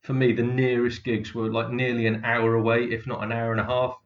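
A man's voice: mid-range voice, completely flat delivery, a little fast, muffled recording. A man, a comedian, chatting casually and bluntly about his career, swearing freely and laughing through his stories. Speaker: comedian guest. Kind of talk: casual podcast chat.

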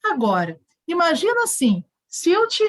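A woman's voice: very high voice, huge pitch swings, normal speed, rough recording. A woman giving a spiritual talk to a group over a video call, explaining step by step and checking in with her listeners. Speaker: spiritual teacher leading an online session.

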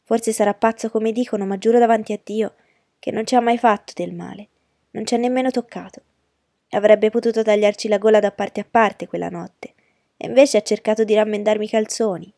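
A woman voicing an excited young boy who speaks higher, urgent and pleading in an audiobook. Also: brisk, vocal fry, dry recording, studio quality. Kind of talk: audiobook reading.

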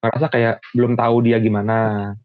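A man's voice: mid-range voice, little pitch movement, fairly quick, no echo. A young man talks casually in slang, often stopping to restart a thought. His voice comes through thin and tinny, like a phone call. The sound is dry, with no room around it. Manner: slangy, hesitant, full of restarts. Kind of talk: casual chat.

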